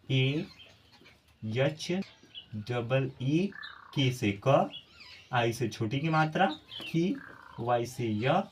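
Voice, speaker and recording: A man's voice: mid-range voice, slight background noise. A man teaching a spelling lesson, spelling out letters one by one and explaining patiently. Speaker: English teacher.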